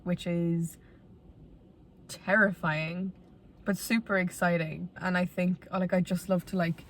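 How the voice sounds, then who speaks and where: Irish girl in her 20s from the west, lowish voice, rambly casual vlog chat, bit self-deprecating. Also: steady tone, unhurried, a little hiss or hum. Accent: west of Ireland. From Galway, Ireland. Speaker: vlogger. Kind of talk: casual, candid chat to viewers.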